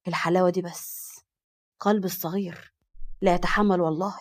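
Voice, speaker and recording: A woman voicing a smitten, playful young man with an Egyptian accent, speaking softly. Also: on the low side, steady tone, a little fast, voice pushed down.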